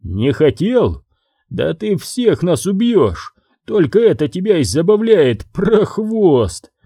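A male audiobook reader voicing a furious middle-aged crime boss who shouts and bites off each word. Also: a little high, big pitch swings, unhurried, dry recording, clean studio sound, pitched above the performer's own voice, full character voice.

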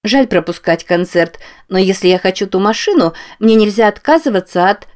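A chatty young woman, as a male narrator puts her on in an audiobook. The voice is lifted noticeably higher than his own. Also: lively intonation, moderate pace, clean tone. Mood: wistful.

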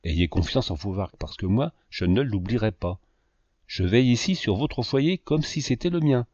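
A man reading the lines of a scheming, self-pitying man who flatters and presses a young woman, in a low voice with a lively pitch. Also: moderate pace, no echo. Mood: insistent. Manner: insistent, flattering. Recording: dull lo-fi dry recording.

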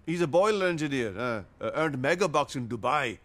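A man's voice: mid-range voice, animated, fairly quick, a bit bright, natural voice. An actor playing a prim, gossipy man in a sitcom. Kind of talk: sitcom acting.

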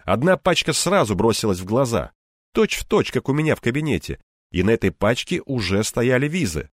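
A man's voice: mid-range voice, sing-song, brisk, dry recording, studio quality. A man narrating an audiobook in the first person, in a wry, conversational storytelling manner.

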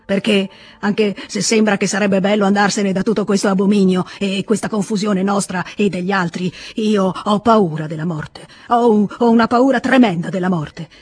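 A reader voicing a drunk, frightened, volatile grown man in an Italian audiobook reading, with excited pleading outbursts. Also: medium pitch, normal speed, breathy edge, close to an everyday voice. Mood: agitated.

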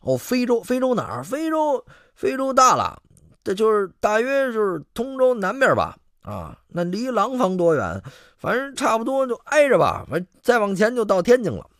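A man voicing a shabby, sly male street swindler with a thin, high voice who bullies and blusters. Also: wildly swooping pitch, normal speed, dry recording, clean studio sound, heavily acted. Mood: blustering. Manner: bullying, blustering.

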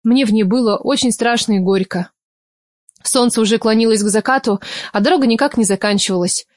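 A woman reads a first-person novel aloud, expressive and emotional. Her voice sits a little high and her delivery is animated. The recording is dry and close, with no room sound. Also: fairly quick, no echo. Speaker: audiobook narrator.

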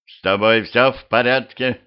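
A man voicing a grim, blunt female cyborg bodyguard in a homemade audiobook, with a flat, gloomy delivery. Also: medium pitch, normal speed, clean tone, close to an everyday voice. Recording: dull lo-fi home recording.

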